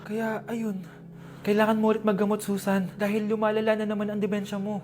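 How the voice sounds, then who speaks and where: A woman playing a somber doctor who speaks low and quietly. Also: completely flat delivery, fairly quick, faint music behind, lightly acted. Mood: grave. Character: calm, somber doctor breaking bad news.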